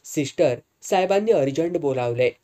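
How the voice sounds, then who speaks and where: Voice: medium pitch, lively intonation, normal speed, warm tone, lightly acted. A storyteller voicing a rustic male driver with coarse village speech. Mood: insistent.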